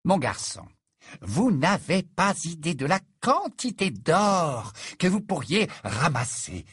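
A gushing, fawning male writer who flatters and sells in a lively, rising voice that leaps about, as a reader puts him on. The tone is a little husky, recorded dry and close. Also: a little high, slow, no room sound, pitched above the performer's own voice, heavily acted. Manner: effusive, flattering, salesy.

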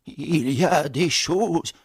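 A man voicing a frightened old concierge who stammers and asks shrill, disbelieving questions, in an audiobook reading. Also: slow, slightly rough, dry recording, clean studio sound, exaggerated voice. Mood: incredulous. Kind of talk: audiobook character voice.

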